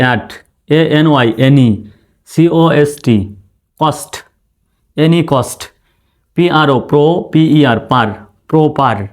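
A man teaches English reading in a slow, deliberate way. He spells each word out letter by letter, then sounds it out. His voice sits a little high for a man. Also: darkish tone. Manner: spells words letter by letter, then says them slowly. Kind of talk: spelling and pronunciation lesson.

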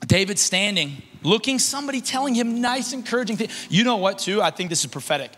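On the big stage of a concert hall, a young man preaches fast and expressively to a youth conference, handheld mic in hand as he paces and gestures. His energetic sermon swings between shouts and soft, low asides, with reverb and faint music in the background.

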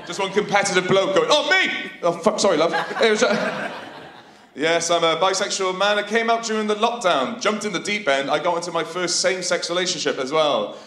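Welsh valleys bloke doing sweary standup, highish voice, big echoey theatre on a hand mic. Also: male voice, a little fast, a bit bright. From Wales, the Valleys. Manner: cheeky, sweary, punchy stage delivery. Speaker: stand-up comedian. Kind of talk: stand-up comedy routine. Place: large theatre stage, indoors. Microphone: handheld microphone. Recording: echoey theatre stage sound.

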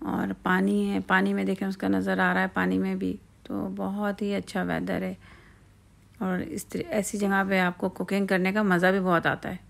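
A woman walks through a recipe in a relaxed, chatty cooking-tutorial way, stopping to fill the pauses as she goes. Her voice is strongly gravelly, and her pitch stays flat and even. She sounds like she is outdoors at night, filming on a phone. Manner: chatty step-by-step explaining with fillers. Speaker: home cooking channel host.

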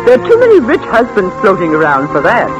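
A gushing, bossy matchmaking sister with a high, wildly swooping sing-song voice. The old radio recording sounds muffled, with music playing behind her. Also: wildly swooping pitch, fast talker. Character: fussy matchmaking older sister, socialite. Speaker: Mrs. Chumley. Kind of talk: 1940s radio acting.

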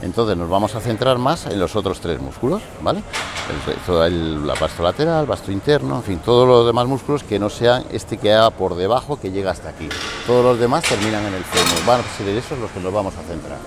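Expressive and brisk, this fitness coach in his forties has a lowish voice as he walks listeners through leg exercises step by step, often checking in with them. He's in a large indoor gym on a lapel mic, with background noise and music playing clearly behind.

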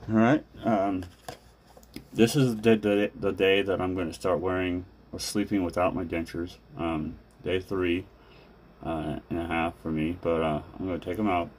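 A man's voice: low-pitched, fairly even intonation, normal speed, darkish tone, slight background noise. A middle-aged man speaking with new dentures, giving rambling, reassuring advice with many fillers and restarts. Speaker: vlogger sharing a recovery journey. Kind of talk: casual first-person advice.

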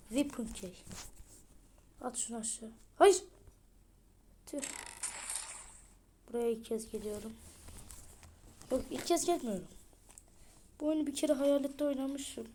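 A woman's voice: on the high side, a little hiss or hum. Chatty woman gaming streamer. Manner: chatty, muttering to herself, sudden loud outbursts. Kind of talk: let's play commentary.

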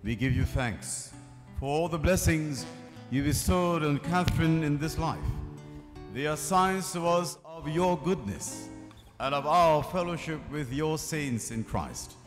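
A man leading funeral committal prayers as a priest, in slow, measured liturgical recitation. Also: fairly high pitch. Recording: reverberant space with faint music.

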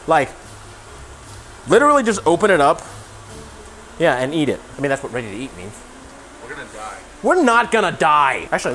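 Young man, slightly drunk, fairly high voice, very lively pitch, casual cooking vlog, wry grumbling. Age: young adult. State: tipsy, a little drunk. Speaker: vlog host reviewing a meal kit. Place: indoors, home kitchen. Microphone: lapel mic.

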